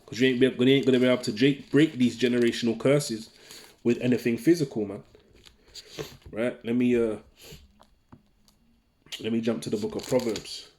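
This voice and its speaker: A man's voice: medium pitch, fairly even intonation, normal speed, long pauses, darkish tone, slight background noise. A man preaching informally, reading scripture and tagging his lines with "man" and "right?". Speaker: religious teacher.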